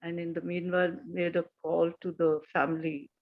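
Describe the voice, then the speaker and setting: An older woman with an Indian English accent tells a personal anecdote, pausing often and restarting her sentences. Her voice comes through a slightly muffled recording. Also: on the low side, little pitch movement. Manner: halting, anecdotal, frequent pauses and restarts. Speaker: guest. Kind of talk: casual storytelling conversation.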